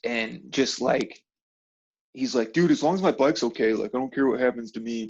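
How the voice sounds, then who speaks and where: A man with a mid-range, darkish, slightly rough voice speaks at a moderate pace in a casual chat. He tells animated anecdotes in slangy, profane language, laughing easily along the way. The call audio is dull and lo-fi.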